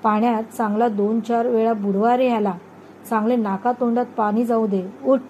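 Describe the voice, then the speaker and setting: A woman reading a storybook aloud voices a stern village mother who loudly and harshly scolds her son. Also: fairly high pitch, fairly even intonation, moderate pace, highs cut off, a little hiss or hum, natural voice. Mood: angry scolding.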